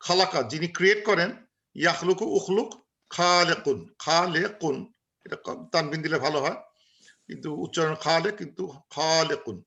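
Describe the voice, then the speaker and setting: A Bangladeshi man teaches a grammar class over a video call, his voice bright and forceful and sitting a little high for a man. He drills each word by saying it again and again, with plenty of filler sounds between. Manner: drills words by repeating them, with frequent filler sounds. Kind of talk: online class lecture.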